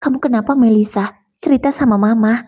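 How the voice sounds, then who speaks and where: Woman putting on a fussing high-voiced mother. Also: quick pace, mellow, natural voice. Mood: shocked. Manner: fussing, scolding lovingly. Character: elderly mother, talkative and doting.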